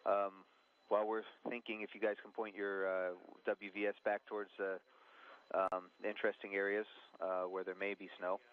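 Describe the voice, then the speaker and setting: A man speaks from mission control through a thin, tinny radio link. His voice is low, and his delivery is level and unvaried. He calls out to crew members in a halting way, filling gaps with "uh" and "um.". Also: flat delivery, clear, resonant tone. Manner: halting, many fillers. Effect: narrow radio link. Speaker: mission control capsule communicator. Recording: tinny radio loop audio.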